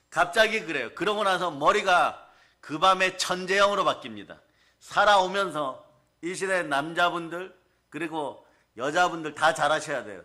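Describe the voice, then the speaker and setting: A male pastor delivers a sermon in a bright, forceful, fairly high voice. He drives his points home emphatically, constantly calling out to his listeners and acting out little scenes as he goes. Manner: emphatic, calls out to the congregation; storytelling with acted asides.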